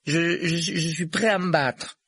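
Timid, stubborn boy, read by a man: higher voice, stuttering, strained. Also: fairly even intonation, a little slow, a bit bright, slightly rough, dry recording, heavily acted. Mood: defiant. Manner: stammering, anxious.

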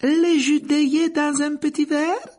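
A man's voice: extremely high pitch, little pitch movement, unhurried, darkish tone, pitched above the performer's own voice. A man doing a chatty innkeeper woman. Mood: serving, cheerful. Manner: chatty, fond, gossiping. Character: warm plump middle-aged female innkeeper.

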